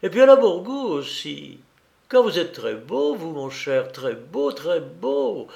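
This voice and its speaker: A man's voice: fairly high pitch, big pitch swings, unhurried, vocal fry, darkish tone, heavily acted. A man reading aloud voices an effusive, fussy older baroness given to tears. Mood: gushing. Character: gushing, emotional older baroness.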